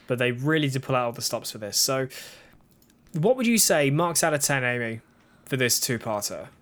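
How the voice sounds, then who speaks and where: A man's voice: medium pitch, expressive, normal speed. A man co-hosting a podcast, chatting casually and enthusiastically while reviewing TV episodes. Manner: enthusiastic, talks over his co-host. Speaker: podcast co-host.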